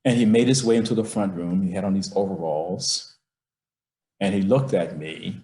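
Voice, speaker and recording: A middle-aged man telling a personal story slowly and with emphasis, acting out his father's words, recorded in his office. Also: sits low, warm tone, echoey room.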